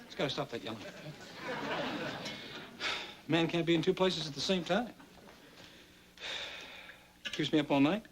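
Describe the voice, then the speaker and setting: An actor playing a harried young newspaper reporter, exasperated and stammering, in a 1960s sitcom. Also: male voice, fairly high pitch, measured pace, long pauses, crowd noise, noisy background, close to an everyday voice. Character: harried young male reporter, put-upon nephew.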